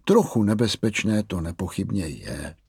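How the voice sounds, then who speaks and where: A man doing a kindly, calm Moominpappa. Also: low voice, creaky, husky, no echo, studio quality, heavily acted. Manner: slow and friendly. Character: calm, kindly father troll, fond of adventure.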